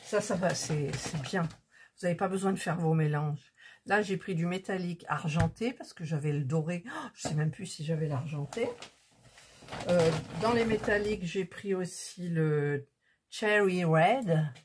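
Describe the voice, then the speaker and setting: A woman's voice: fairly low pitch, measured pace, darkish tone, slight background noise. A woman chatting casually to her viewers while unpacking and trying out things she bought. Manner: chatty, talks to viewers while fiddling with items. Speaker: vlogger showing purchases. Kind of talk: casual haul chat.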